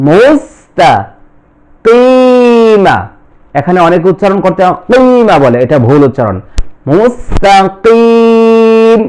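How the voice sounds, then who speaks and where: A man with a Bangladeshi accent teaching Quran reading, spelling out each letter and vowel and then repeating the syllables in a slow recitation lesson. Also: sits high, darkish tone.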